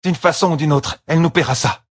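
A man reading an audiobook and voicing a hoarse, exhausted noblewoman who gives orders in a croaking voice. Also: a little high, quick pace, dry recording, studio quality, pitched above the performer's own voice. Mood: cold resolve. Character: exhausted noblewoman, a commanding lady.

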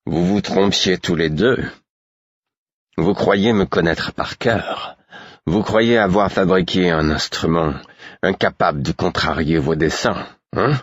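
A man's voice: very deep voice, unhurried, slightly rough, no room sound, muffled recording, exaggerated voice. A man voicing a bitter, defiant young man who has been drinking, talking with heavy, slurring defiance.

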